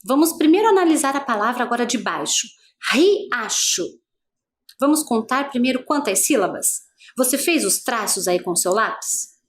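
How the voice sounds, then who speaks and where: A woman's voice: on the high side, animated, moderate pace. A female teacher with a Brazilian Portuguese accent, giving an adult-education video lesson, patient and asking many guiding questions.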